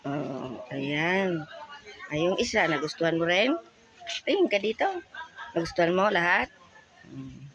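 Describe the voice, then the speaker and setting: A man's voice: fairly high pitch, expressive, measured pace, long pauses, a bit bright, highs cut off. A man hosting a casual vlog, teasing and fussing over someone and firing off questions. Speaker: vlogger host.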